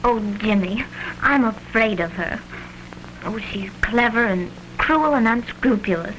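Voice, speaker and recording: Anxious showgirl sweetheart, early talkie style: high, swooping, stagey voice, faint film hiss. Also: animated, measured pace, fairly bright tone. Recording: crackly, humming 1929 film soundtrack.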